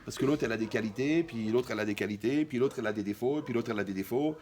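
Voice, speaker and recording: A man's voice: mid-range voice, very fast, crowd noise. A man performing a stand-up comedy monologue, acting out dialogues with mocking asides.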